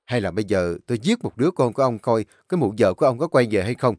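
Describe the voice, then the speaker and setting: A man voicing a young father who speaks forcefully and angrily. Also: lowish voice, brisk, dry recording, clean studio sound, natural voice. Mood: furious. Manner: angry, forceful. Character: young father, furious and commanding.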